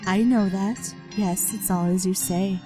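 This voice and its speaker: Lady putting on a creepy obsessive ghost mom voice, lower and slow, game music behind. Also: steady tone, close to an everyday voice. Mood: cold. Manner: low, slow and menacing. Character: possessive ghost mother, cold and obsessive. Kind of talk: dramatic reading of game dialogue.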